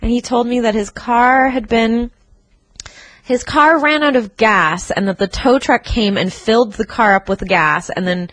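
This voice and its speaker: A woman's voice: fairly high pitch, unhurried, dry recording, poor audio. Laughing woman telling a story, dry room. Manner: animated, acts out quotes, laughs often. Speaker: podcast co-host. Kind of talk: casual storytelling chat. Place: apartment.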